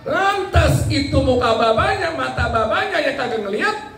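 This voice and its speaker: Betawi male preacher, high-pitched, storytelling sermon with comic slang, heard from a distance in a very echoey hall. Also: animated, normal speed, creaky, noisy background. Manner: acts out dialogue in Betawi slang, jokey asides. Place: large hall at a religious gathering.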